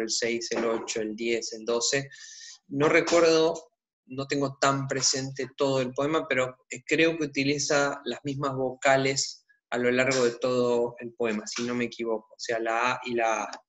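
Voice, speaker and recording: A man teaching a literature lesson, explaining calmly and thinking aloud as he goes. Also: mid-range voice. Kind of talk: explanatory online lecture.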